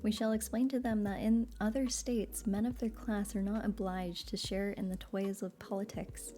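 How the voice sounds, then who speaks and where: A calm, patient old philosopher, read by a woman in a soft bedtime reading. The voice is mellow and warm, and the delivery is steady. Gentle music sits faintly underneath. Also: mid-range voice, normal speed, close to an everyday voice.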